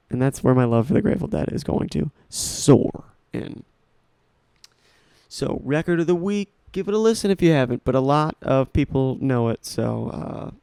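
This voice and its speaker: Rambling with plenty of restarts, a nineteen-year-old man hosts a casual, enthusiastic solo podcast on music. His voice is medium in pitch, gravelly and warm, recorded without room sound.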